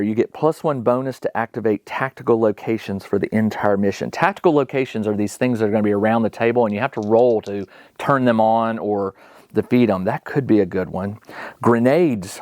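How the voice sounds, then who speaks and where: A man's voice: lowish voice, brisk, darkish tone, no echo, clean studio sound. A man casually narrating a solo tabletop game, reading out rules and thinking aloud in a conversational way. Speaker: solo tabletop wargame player and host.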